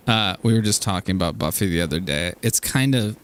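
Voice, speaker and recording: A man's voice: low voice, a bit bright, a little hiss or hum. A man giving casual, rambling commentary as he streams a video game, wry and musing, trailing off mid-thought.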